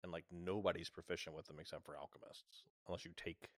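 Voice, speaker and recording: A man's voice: deep voice, steady tone, quick pace, no room sound, studio quality. A man chatting casually as a player in a tabletop game.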